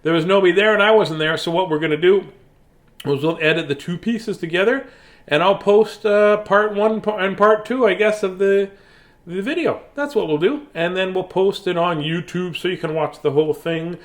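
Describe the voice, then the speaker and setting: At a moderate pace, a high-pitched man reads bedtime stories to viewers as a children's storyteller. His casual chatting stays silly and playful, sprinkled with singsong scatting.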